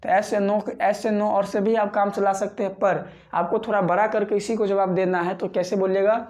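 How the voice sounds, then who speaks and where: A man's voice: high voice, little pitch movement, a little mellow. Man drilling English phrases. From Bihar, India. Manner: repetitive drilling, reads example sentences slowly; keeps addressing viewers as friends. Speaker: spoken English teacher. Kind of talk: spoken English lesson.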